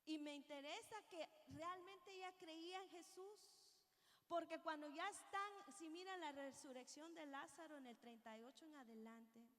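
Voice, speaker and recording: A woman's voice: high voice, moderate pace, fairly bright tone, in a large hall. A woman preacher reading scripture and giving an earnest, reflective sermon to her congregation. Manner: reflective, earnest, addresses listeners as brothers and sisters.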